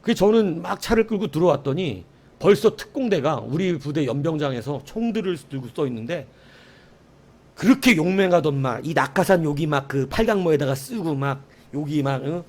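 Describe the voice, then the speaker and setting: A man's voice: on the high side, expressive, fairly quick, a little mellow. A middle-aged man preaching a sermon as pastor, telling a story with sound effects and asides to the congregation.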